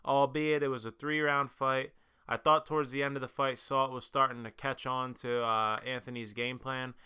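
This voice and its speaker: A young man talks in a relaxed vlog style, building hype at times and then rambling casually with fillers like "uh" and "um." His voice is bright and forceful, and very clean and crisp. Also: medium pitch, moderate pace. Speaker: influencer boxing commentator.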